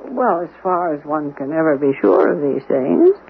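Heard through a tinny old radio broadcast with faint hiss, a woman voices a prim, formal servant in a 1970s radio drama, calmly and gently scolding her employer. Her voice sits low and is creaky and slightly rough, expressive and heavily acted, at a moderate pace.

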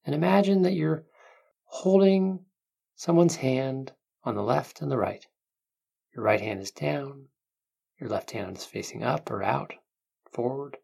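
Gravelly-edged, soothing meditation guide. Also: mid-range voice. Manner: soothing, unhurried, gentle instructions with long pauses. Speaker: meditation guide, podcast host.

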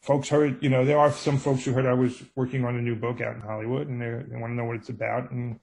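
Brooklyn accent, mature male, medium pitch, casual interview chat, anecdotal storyteller. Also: flat delivery, fast, gravelly, a little mellow, low-quality recording. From Brooklyn, New York. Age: middle-aged or older. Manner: anecdotal, acts out quoted exchanges. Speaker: true crime author, podcast guest.

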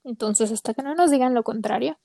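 A woman's voice: on the high side, fairly quick, creaky, mellow, no room sound. A woman co-hosting a casual podcast chat, talking with lots of fillers. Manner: chatty, many fillers. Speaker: podcast co-host.

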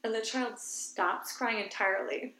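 A woman guest telling a funny story in a casual, animated way, laughing and acting out the people in it. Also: fairly high pitch, measured pace, a little hiss or hum. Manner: animated, laughing, acts out quotes. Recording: roomy echo.

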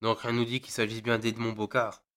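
A man voicing a gruff police sergeant who barks short orders and questions. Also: mid-range voice, completely flat delivery, fairly quick, fairly bright tone, lightly acted. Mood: blunt. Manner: blunt, commanding.

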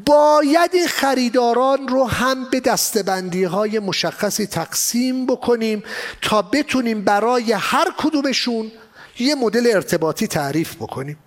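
A man with a strikingly high voice lecturing a seminar crowd on business. He talks in an animated way, firing off rhetorical questions and slipping English phrases into his talk. He sounds like a trainer at a live event in an exhibition hall. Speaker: export trainer.

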